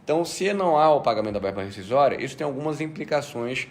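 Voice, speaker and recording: Slightly hoarse man explaining. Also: medium pitch, expressive. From Bahia, Brazil. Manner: measured, explains step by step. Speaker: guest, fintech manager. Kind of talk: explanatory podcast chat.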